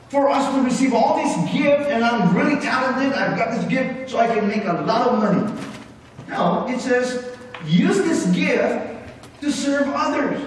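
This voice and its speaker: Middle-aged man, pastor, lively sermon, high voice, echoey church hall. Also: distant mic, slight background noise. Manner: animated preaching with big hand gestures, moving about the stage. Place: church sanctuary with brick wall, indoors.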